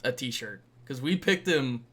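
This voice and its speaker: An American man with a medium-pitched voice chats about sports as a podcast co-host. He is informal and laid-back, swearing casually as he talks. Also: animated, measured pace, a bit bright.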